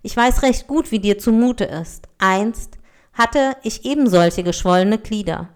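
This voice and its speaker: A woman's voice: mid-range voice, measured pace, clear, resonant tone, lightly acted. A woman voicing a kind, grateful man who was once crippled, earnest and hospitable, in a storybook reading. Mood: welcoming.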